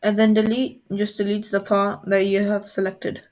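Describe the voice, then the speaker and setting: A woman as a coding tutor, explaining a software tool step by step in a screen-recorded tutorial. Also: mid-range voice, monotone, normal speed, slight background noise.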